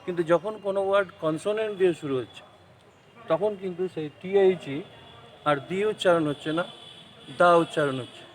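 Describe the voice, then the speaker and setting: A man with a Bengali accent teaching an English poem in an online class, explaining slowly and switching between English and Bengali. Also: high voice, a little mellow, slight background noise, poor audio. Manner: slow, deliberate explaining, mixing English with Bengali.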